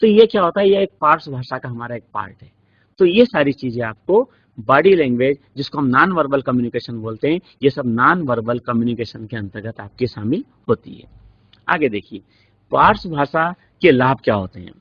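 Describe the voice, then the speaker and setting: A man with an Indian accent giving a classroom lecture, explaining slowly with many examples and rhetorical questions. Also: medium pitch, lively intonation, breathy edge. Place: classroom studio. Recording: dull lo-fi recording.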